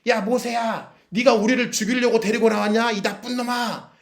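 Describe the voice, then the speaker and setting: A man shouting as an angry grumbling crowd. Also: steady tone, normal speed, vocal fry. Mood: furious. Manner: shouting, accusing, high-pitched outburst.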